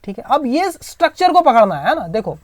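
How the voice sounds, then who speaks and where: A woman's voice: fairly high pitch, big pitch swings, a little fast, no echo, clean studio sound. A woman patiently explains English grammar as a teacher, repeating points and checking in with tag questions.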